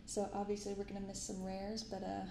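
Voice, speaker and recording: A young woman who hosts a card-opening channel speaks in soft, unhurried ASMR style, commenting quietly and reading from cards. Her medium-pitched voice is monotone with vocal fry, captured on a binaural mic in an echoey room with a noisy background.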